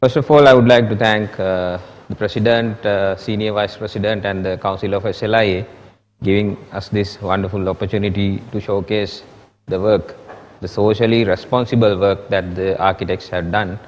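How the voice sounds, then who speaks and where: A man with a Sri Lankan accent giving a conference presentation as an architect, with halting, loosely worded delivery. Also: on the low side, steady tone, slight background noise. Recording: echoey hall with long reverb.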